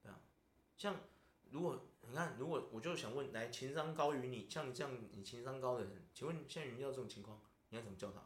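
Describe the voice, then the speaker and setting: Hosting a podcast, a Taiwanese Mandarin-accented man vents in casual conversation, his mid-range voice fast and peppered with "you know?". The room gives a spacious echo.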